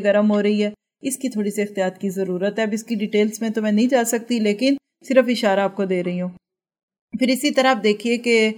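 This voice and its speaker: Brief: woman religious teacher, earnest lecture, mid-pitched, rhetorical questions. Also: a little mellow.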